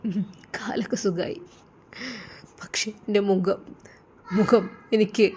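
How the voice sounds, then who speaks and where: A woman voicing a remorseful, tearful old man, pleading in a hushed voice as a storyteller. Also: mid-range voice, close to an everyday voice. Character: remorseful old man, weeping, face burned.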